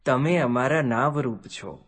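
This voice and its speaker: A man reading a devotional scripture aloud in a slow, deliberate recitation. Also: medium pitch.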